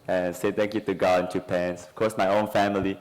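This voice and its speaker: A man from Hungary gives a brief testimony in plain, grateful words, pausing here and there. His voice sits low. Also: flat delivery, rough recording. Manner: simple, grateful, slightly halting. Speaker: church member giving testimony. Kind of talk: short personal testimony.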